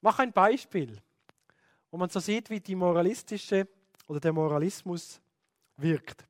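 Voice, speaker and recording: Male Bible teacher, slow measured delivery, dry close sound, conversational lecture style. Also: high-pitched, no echo. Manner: conversational, acts out quoted speech with many "hey" asides.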